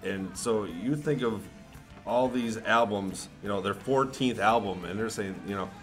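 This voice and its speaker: A man co-hosting a casual podcast chat, speaking in a measured, slightly halting way. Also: fairly low pitch, soft background music. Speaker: podcast co-host.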